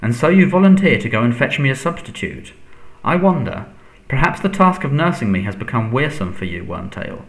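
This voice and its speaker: Man acting a cold, hissing dark lord. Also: medium pitch, very animated, fairly quick, pitched above the performer's own voice, rough recording. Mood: contemptuous, angry. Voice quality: soft, breathy, hissing. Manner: commanding, contemptuous. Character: cold, menacing, frail male dark lord.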